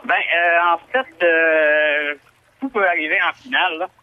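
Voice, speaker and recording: Brief: Quebec French man, slightly high voice, easygoing caller, dull muffled line. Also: fairly even intonation. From Lac-Saint-Jean, Quebec. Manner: easygoing, joking, halting. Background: celebrating crowd noise.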